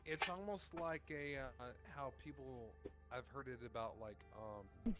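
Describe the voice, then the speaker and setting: A man's voice: mid-range voice, unhurried, a bit bright, faint music behind. A man in casual chat, talking hesitantly with many ums and restarts.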